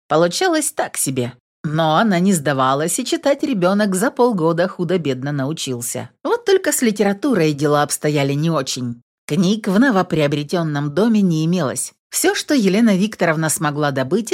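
Low, expressive woman narrating a story. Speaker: audiobook narrator.

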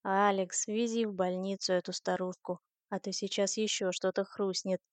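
A woman voicing a young man who is teasing and gentle toward his partner. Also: medium pitch, flat delivery, moderate pace, dry recording, natural voice.

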